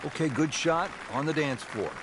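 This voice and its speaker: A man's voice: a little high, normal speed. A man giving play-by-play golf commentary as a broadcast announcer. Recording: music and crowd noise behind.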